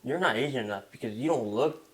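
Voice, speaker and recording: A man's voice: medium pitch, lively intonation, quick pace, a little hiss or hum. A young man, talking casually as a podcast guest, rambling with restarts and fillers. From Taiwan.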